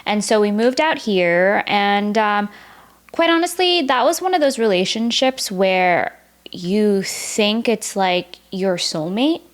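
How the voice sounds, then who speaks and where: A woman in her early thirties from the United States, a native Vietnamese speaker, talks slowly at a medium pitch. As a podcast guest in casual conversation, she tells candid personal stories in an open, reflective way, often using the filler "like."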